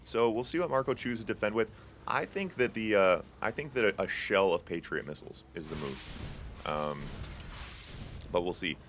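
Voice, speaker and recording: Lively intonation colors this young man's somewhat low, slightly bright voice as he calls a strategy game live at a normal pace. He's the tournament host and caster, chatting casually with many fillers and jokes for chat, over a little hiss or hum.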